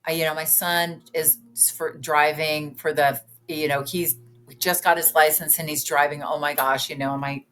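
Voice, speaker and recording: A woman's voice: deep voice, level tone, moderate pace, fairly bright tone. A woman in her fifties, a weight-loss coach speaking as a guest in a casual podcast conversation, chatty and earnest. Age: 50s.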